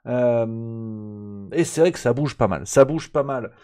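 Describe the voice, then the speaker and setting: Soft music plays behind a man's slow, slightly mellow, clean-toned voice of medium pitch. He's hosting a live press review on stream, rambling, sarcastic and hesitant as he speaks straight to his chat.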